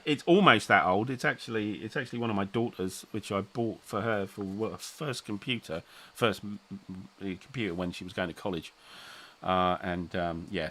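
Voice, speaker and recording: Middle-aged guy chatting on a stream, lowish voice, rambles and trips over his words. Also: a bit bright. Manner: rambling, self-interrupting, chuckling. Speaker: channel host. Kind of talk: casual livestream chat.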